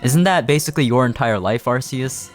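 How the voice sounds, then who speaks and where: A gaming streamer gives casual, reactive commentary on the video game he is playing, with game music behind him. His voice is medium-pitched, expressive and brisk.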